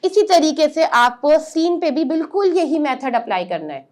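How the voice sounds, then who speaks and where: A woman teaching Quran letter pronunciation step by step, explaining patiently and then drawing out each letter sound slowly and loudly. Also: high voice, sing-song.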